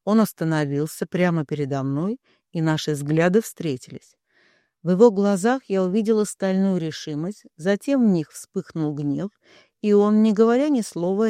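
An audiobook narrator reading a first-person story in a brisk, expressive way. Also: mid-range voice, no echo, studio quality.

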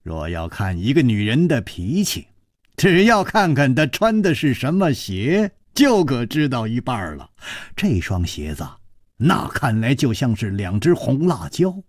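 Male storyteller, dramatic traditional storytelling, very animated pitch, slow, dry close sound. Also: dry recording. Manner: dramatic, expressive narration with wide swings.

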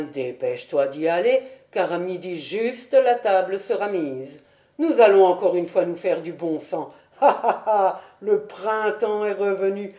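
A woman voicing a jovial, generous man who calls out loudly, read for a storybook recording. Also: lowish voice, reverberant, close to an everyday voice. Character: jovial hearty bachelor host, generous man.

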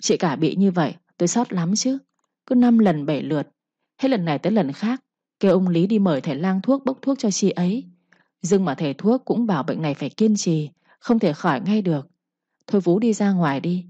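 A woman's voice: on the low side, expressive, brisk, dark tone, husky, dry recording, highs cut off. A woman voicing a scheming younger second wife who speaks with a falsely sweet, coaxing tone, in a storybook reading.

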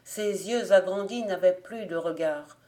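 A woman reads a folk tale aloud as an audiobook narrator. Her voice sits low and her pacing is measured and calm. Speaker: audiobook reader. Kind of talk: scripted narration.

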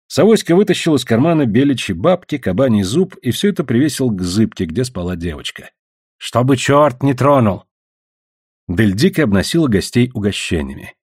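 A man's voice: mid-range voice, big pitch swings, fairly quick, few pauses, a little mellow, husky, no echo, studio quality. A man narrating an audiobook, reading expressively and voicing the characters.

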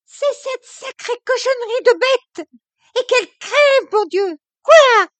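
A woman reading an audiobook, voicing a sharp-tongued young wife who shouts in a high, strained voice. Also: expressive, slow pace, full character voice. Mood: furious.

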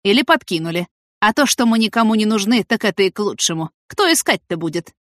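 A woman's voice: mid-range voice, lively intonation, quick pace, a bit bright, no room sound, studio quality, close to an everyday voice. A woman voicing an indignant, suspicious female farm worker who complains a lot.

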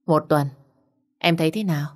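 A woman's voice: sits low, moderate pace, close to an everyday voice. A woman voicing a keen young newlywed husband who talks in an upbeat, decisive way.

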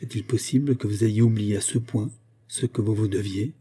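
A man's voice: lowish voice, steady tone, moderate pace, mellow, slightly rough. A man voicing a haughty, disbelieving aristocratic mother in an audiobook. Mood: shocked. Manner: dismissive, disbelieving. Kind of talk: audiobook character voice.

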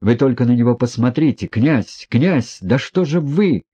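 A man voicing a teenage boy who shouts urgent warnings, on a dull, dry recording. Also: medium pitch, lively intonation, unhurried, husky, dry recording, pitched above the performer's own voice. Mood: alarmed.

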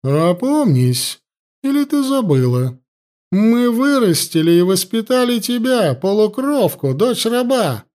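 A man playing a cruel high priestess. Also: big pitch swings, takes it slowly, darkish tone, full character voice. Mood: imperious. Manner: commanding, sneering, harsh. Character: cruel imperious older high priestess, woman. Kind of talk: audiobook character voice.

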